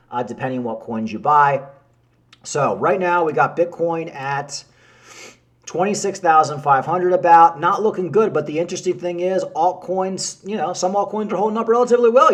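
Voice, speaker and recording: A man delivers casual market commentary straight to his viewers in a voice that sits a little high. He is animated and repeats himself as he makes his points. He keeps calling his audience folks. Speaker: crypto YouTuber.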